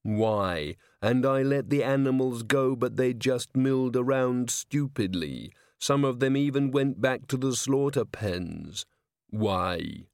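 A literal-minded clay golem constable from an audiobook tale speaks slowly and deliberately, each phrase set down with care. A man gives him voice in a dry, close read. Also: mid-range voice, dry recording. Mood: earnest. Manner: slow, measured, deliberate, flat.

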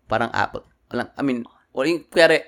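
A man's voice: mid-range voice, lively intonation, fairly quick, creaky, a bit bright. A man with a Filipino accent chatting casually as a podcast co-host, teasing and laughing, switching between Tagalog and English. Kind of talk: casual chat.

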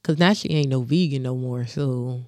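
A man's voice: mid-range voice, normal speed, no room sound, studio quality. A man co-hosting a casual podcast who teases his co-host and laughs often. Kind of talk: casual chat.

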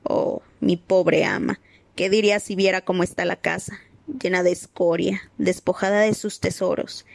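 A woman's voice: fairly low pitch, fairly even intonation, moderate pace, gravelly, no room sound. A grumbling, spiteful old male house-elf, as a woman reader puts him on mutters under his breath and refers to himself in the third person. The storybook reading is dry and close, with no room around the voice. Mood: bitter muttering.

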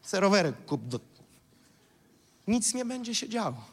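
A high, husky male voice preaching with a lively, swooping delivery. He is a pastor whose sermon is dramatic and theatrical. His voice rings out with a long reverb in a church hall. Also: a little slow. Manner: dramatic, acts out mocking voices and shouts.

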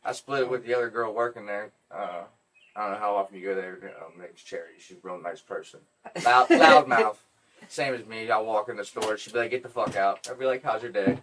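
A man hosting a podcast, telling stories in a casual, profane, animated way. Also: lowish voice, fast talker, far from the mic. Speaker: podcast host.

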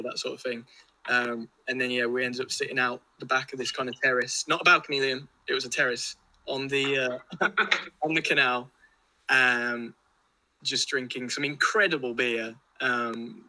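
A man's voice: mid-range voice, bright, forceful tone, poor audio. A man with an English accent chatting casually and telling rambling anecdotes with British slang.

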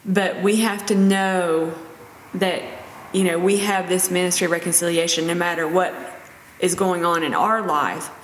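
Female counselor-host, slightly low voice, conversational religious talk, reverberant recording. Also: fairly even intonation, normal speed. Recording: echoey room, long reverb, faint noise.

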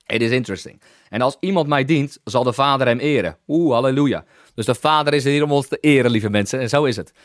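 A man's voice: medium pitch, fast talker, dry recording, studio quality. A man preaching an exuberant teaching sermon, often calling out halleluja and slipping in English phrases.

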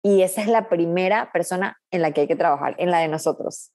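A woman's voice: fairly low pitch, brisk, a little mellow. A woman coach, a guest in a casual interview, talking in an earnest, reflective way with frequent restarts.

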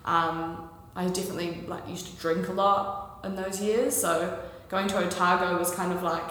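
A woman's voice: lowish voice, steady tone, moderate pace, fairly bright tone. A young woman with a New Zealand accent, chatting casually as a podcast guest, with plenty of ums and likes. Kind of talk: casual conversational interview. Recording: echoey room with long reverb and faint hiss.

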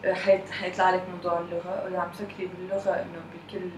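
A woman's voice: fairly low pitch, little pitch movement, racing. A woman with a Levantine Arabic accent thinking aloud in a casual discussion. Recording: echoey, distant from mic, faint noise.

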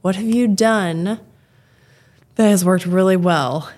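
A woman at a middle pitch, co-hosting in a casual, candid way. She is tired, playful, and asks easy questions as she talks. Her voice sits right in the ordinary range. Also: slow, a little mellow. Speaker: podcast co-host. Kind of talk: casual chat. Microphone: studio microphone.

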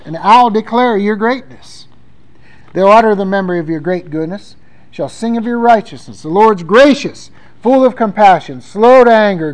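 A man with a high-pitched voice preaches a sermon. He talks conversationally and reads psalms aloud with strong emphasis. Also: low-quality recording. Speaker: pastor.

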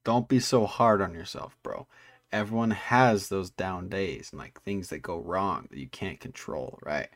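Low-pitched young man, slangy casual chat. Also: unhurried, creaky, dry recording. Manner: slangy, easygoing, says "bro" and "like" a lot. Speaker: podcast co-host.

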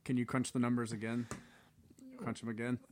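A young man co-hosting a casual podcast, making jokes in quick banter. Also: mid-range voice, flat delivery, a little mellow, a little hiss or hum. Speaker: podcast co-host. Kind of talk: casual chat.

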